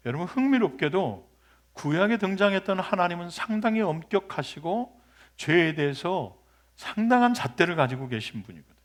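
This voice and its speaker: A male pastor preaches a sermon, retelling a story with lively, conversational energy. His voice sits a little high for a man. He keeps turning to the congregation with questions.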